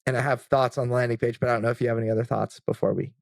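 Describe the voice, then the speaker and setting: A man's voice: medium pitch, little pitch movement, very fast, vocal fry, no room sound, clean studio sound. A man co-hosting a podcast, chatting casually and thinking aloud with plenty of fillers. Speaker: podcast co-host.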